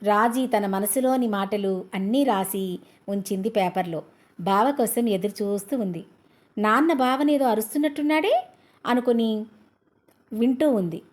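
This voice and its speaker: A woman reading a comedy story aloud in a gentle, friendly storytelling manner. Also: medium pitch, measured pace, pauses often.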